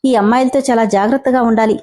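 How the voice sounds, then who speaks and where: A teasing young college guy, read by a woman narrator in a storybook, light and mocking. The voice sits high and mellow. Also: fairly even intonation, quick pace, lightly acted. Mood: musing. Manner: teasing, mock-scared, light. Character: playful teasing male college student.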